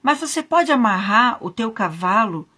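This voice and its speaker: A woman voicing a sly, very strong old witch woman who coaxes her guests and then shouts spells. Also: a little high, sing-song, normal speed, heavily acted. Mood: coaxing.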